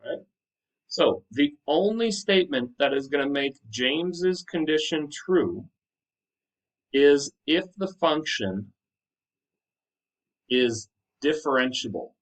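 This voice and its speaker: A man's voice: on the high side, expressive, slow pace, long pauses. Male teacher addressing class, distant mic. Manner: instructive, checks understanding with questions. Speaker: high school math teacher. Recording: distant microphone.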